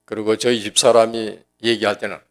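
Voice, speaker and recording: A man's voice: fairly low pitch, little pitch movement, brisk, clean tone, faint music behind. A pastor preaching a sermon in a folksy, joking, conversational way, often restarting his sentences. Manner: folksy and joking, acting out dialect quotes.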